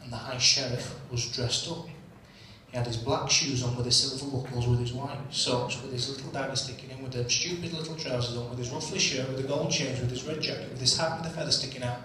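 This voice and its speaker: Bright-voiced man telling comic tales, echoey hall. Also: mid-range voice, fairly even intonation, fairly quick, a little hiss or hum. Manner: cheeky, comic storytelling with punchlines. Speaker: after-dinner speaker, former cricketer. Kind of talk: anecdotal after-dinner storytelling. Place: function room. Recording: distant mic in an echoey room with faint ambience.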